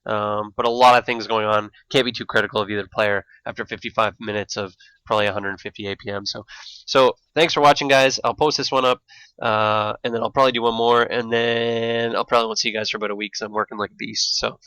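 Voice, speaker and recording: A man with a lisp and slushy s sounds, giving excitable live esports commentary and thinking aloud. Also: lowish voice, fast talker, clean tone, no room sound, low-quality recording. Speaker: esports shoutcaster. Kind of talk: live StarCraft match commentary.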